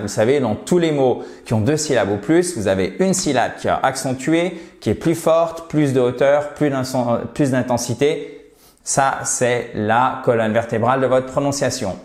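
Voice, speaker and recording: Slow-paced male English teacher. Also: medium pitch, roomy sound. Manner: addresses viewers as "chers amis", models English example sentences. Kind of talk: French-language English lesson.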